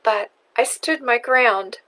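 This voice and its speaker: A woman hosting a marketing video, slowly and deliberately telling a personal story. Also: on the high side, pushed and bright, poor audio. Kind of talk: storytelling vlog.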